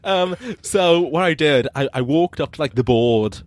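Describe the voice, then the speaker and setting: A man's voice: a little high, unhurried, dry recording. Laughing man telling a story. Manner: animated, laughs often, acts out dialogue in voices. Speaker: podcast co-host. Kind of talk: casual comedic storytelling.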